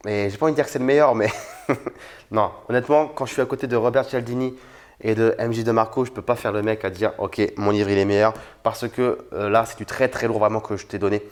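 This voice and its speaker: A man's voice: lowish voice, fairly even intonation, fast. Young man from France, casual vlogger, chatty and unpolished. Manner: chatty, frank, many fillers and restarts. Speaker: youtuber reviewing books. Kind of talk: casual talk to camera.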